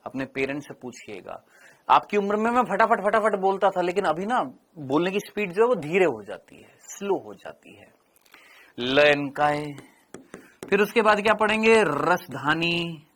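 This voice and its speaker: Man teacher, fairly high voice, middle-aged, quizzing then answering himself, slow drawn-out terms. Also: big pitch swings, fairly bright tone. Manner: asks questions and answers them himself; stretches out key terms slowly. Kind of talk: online biology lecture.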